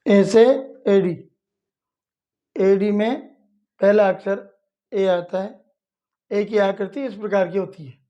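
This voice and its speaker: A woman's voice: mid-range voice, fairly even intonation, slow, pauses often, dark tone, highs cut off. A woman teaching young children, explaining each step patiently and repeating it plainly. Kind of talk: slow step-by-step lesson for children.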